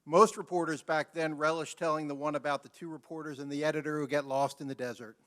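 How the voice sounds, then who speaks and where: A man with a slightly high voice speaks at a memorial service as a newspaper editor. His eulogy is formal and measured, and he drops in a dry joke. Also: fairly even intonation, fairly bright tone. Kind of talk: memorial speech.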